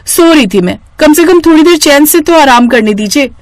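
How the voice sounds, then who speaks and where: Woman doing a pouty young wife, higher and louder, lots of pitch swing. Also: lively intonation, a little fast, no echo. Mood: snapping. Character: young wife, sulky and sharp-tongued.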